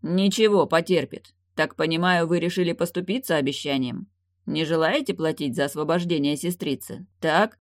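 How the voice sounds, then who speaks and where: A sardonic young warlock, as the reader plays him, calm and grinning through every line. He speaks in a dry, close storybook voice with only a slight lift in pitch. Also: moderate pace, no echo, natural voice. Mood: cold.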